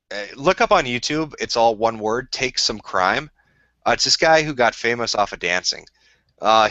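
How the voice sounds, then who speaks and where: A man's voice: on the low side, sharp tone, dry recording, muffled recording. A drunk man from Minnesota with a Minnesota accent, rambling crudely in casual livestream chat and laughing often. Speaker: streamer.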